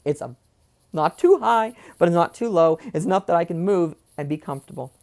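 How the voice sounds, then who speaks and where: Gravelly, heated young man venting. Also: fairly high pitch, lively intonation, brisk, a little mellow. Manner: angry, swearing, goes off on tangents. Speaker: vlogger. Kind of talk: ranting personal vlog.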